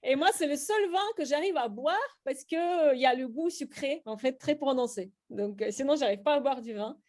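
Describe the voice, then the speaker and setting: A woman's voice: high voice, a little fast, darkish tone. A middle-aged woman from Russia with a Russian accent, leading a slam poetry workshop and explaining her writing with many hesitant fillers and restarts.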